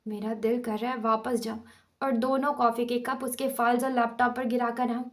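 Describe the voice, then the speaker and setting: A fiery young wife, read by a woman in a storybook drama, ranting and sarcastic at once. The voice sits fairly high but moves little in pitch, so the anger comes through the words more than the melody. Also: level tone, lightly acted.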